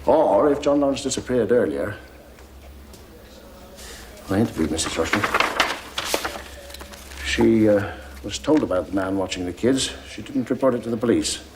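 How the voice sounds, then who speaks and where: An actor playing a patient, shrewd police inspector, questioning dryly. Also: male voice, on the low side, expressive, moderate pace, long pauses, a little mellow, slight background noise, close to an everyday voice, low-quality recording. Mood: calm, probing. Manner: probing, dry questioning. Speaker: detective chief inspector. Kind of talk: TV detective drama acting.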